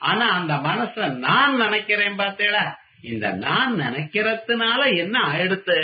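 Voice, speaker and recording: A man teaching Vedanta in a spiritual discourse, chanting verses slowly and then explaining them with rhetorical questions. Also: high-pitched, slight background noise. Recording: dull lo-fi recording.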